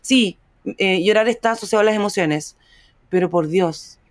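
A woman's voice: mid-range voice, moderate pace, no echo, studio quality. A Chilean woman co-hosting a podcast in casual chat, outspoken and swearing freely, acting out what others say. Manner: outspoken, swears freely, acts out quoted lines. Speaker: podcast co-host.

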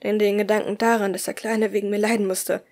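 A woman reading a first-person audiobook aloud in a soft, often hushed voice. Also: mid-range voice, little pitch movement, fast talker. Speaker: audiobook reader.

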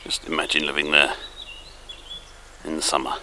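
An older man with a very low, deep voice talks easily to a handheld camera as he drifts down a river in a small boat. His tone is relaxed and chatty, as if thinking out loud. Birdsong and open-air river sounds come through clearly around him. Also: normal speed, a little hiss or hum, rough recording. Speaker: solo small-boat voyager. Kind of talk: casual travel vlog commentary. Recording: outdoor birdsong and river ambience.

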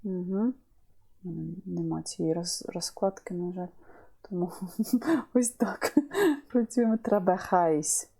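Female language tutor, unhurried and warm, patient drill of verb forms. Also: lowish voice. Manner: slow and patient, repeats each verb form. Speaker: language teacher. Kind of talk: online Spanish lesson.

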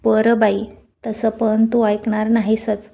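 A woman voicing a gentle, soft-spoken young woman who speaks hesitantly in a storybook reading. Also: fairly high pitch, completely flat delivery, takes it slowly, creaky, heavily acted.

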